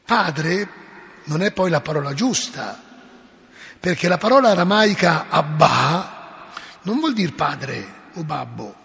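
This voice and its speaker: A man with a high voice delivers a sermon in a church. He tells stories and acts out the dialogue, swinging from quiet to forceful. His voice rings out with the long reverb of a large hall. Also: lively intonation, slow, gravelly. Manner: storytelling, acts out dialogue, emphatic swings in loudness. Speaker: priest.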